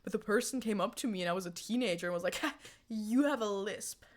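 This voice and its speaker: Talking quickly in a mid-range voice, a streamer in her twenties broadcasts from her home room through a USB condenser mic on her desk. She chats casually with viewers' messages, animated and full of jokes, giggling and laughing frequently.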